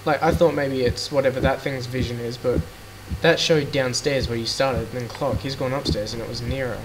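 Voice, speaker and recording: A man's voice: mid-range voice, fairly even intonation, brisk, background noise. Jittery swearing young man gaming. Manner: nervous, swearing, jumpy. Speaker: gamer playing with a friend. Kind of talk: casual let's-play chat. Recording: game music loud behind voice.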